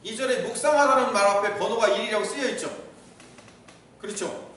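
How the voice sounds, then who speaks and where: A man's voice: high voice, a little fast, fairly bright tone. A middle-aged male pastor preaching a sermon, teaching and asking the congregation questions. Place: church sanctuary. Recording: echoey hall, mic from far off.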